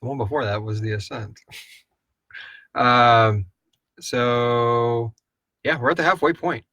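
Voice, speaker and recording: Medium in pitch and sharp in tone, this man speaks at a slow pace with no room sound. He co-hosts and produces an audio drama podcast, and here he's informally rambling and joking through a live Q&A, reading and answering listener questions.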